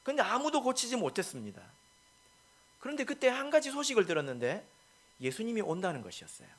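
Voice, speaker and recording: A male pastor preaching a sermon, stressing points and asking the congregation questions, with many soft filler words between lines. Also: high-pitched, wildly swooping pitch, fast.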